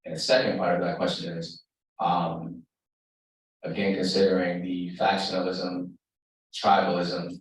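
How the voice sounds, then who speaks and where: A man's voice: sits low, monotone, measured pace. A man from the audience asking a long, earnest question at an open forum, with many fillers. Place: university lecture hall. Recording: echoey hall, speaker far from mic.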